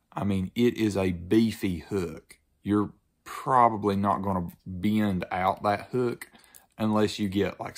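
A young man talking casually to camera as a fishing channel host, relaxed and conversational with frequent fillers, recorded in a living room. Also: on the low side. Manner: relaxed, conversational, frequent ums and you-knows. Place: living room with couch, indoors.

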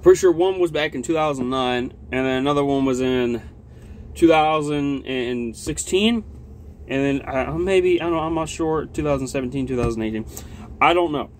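A man's voice: medium pitch, moderate pace, a little hiss or hum. A young adult man with a lip full of dip, chatting casually and rambling with plenty of swearing as he reviews a product on a vlog. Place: small cluttered log-walled room, indoors.

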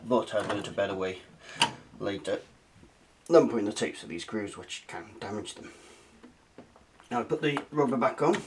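Here the retro tech reviewer, a British man, talks casually and conversationally through a hands-on tutorial and review at his desk in a small, messy indoor space. His voice is lowish and slightly mellow, with a bit of background noise.

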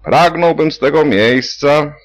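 Guy doing a squeaky pompous party bigwig making a speech, gravelly, slow. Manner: speechifying, pompous, in a thin high voice. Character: pompous male party official patient, dazed. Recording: dull lo-fi recording.

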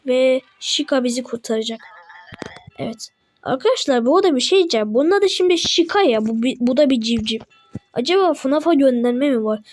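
A woman giving casual let's-play commentary as a gaming YouTuber, chatty and excitable, bantering with the game in slang. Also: high voice, brisk, rough recording. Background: game music.

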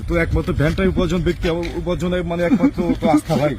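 An actor playing a police officer who questions a van driver with insistent, repeated demands. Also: male voice, on the high side, expressive, racing, noisy background, lightly acted. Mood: comforting. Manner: insistent, repeats commands, later gentle and soothing. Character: police officer who stops a van, stern then kind.

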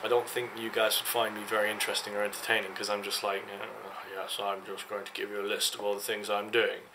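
A man's voice: on the low side, level tone, quick pace, background noise. A tired young man from England rambling to a desk webcam in a small home office, full of hesitant fillers. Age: young adult. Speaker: vlogger. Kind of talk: casual vlog to camera.

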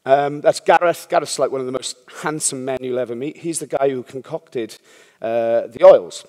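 In a conference hall full of long reverb, a startup founder with a darkish, mid-range voice talks at a moderate pace. His delivery is rambling and frank, with casual swearing and frequent "yeah?" checks with the audience.

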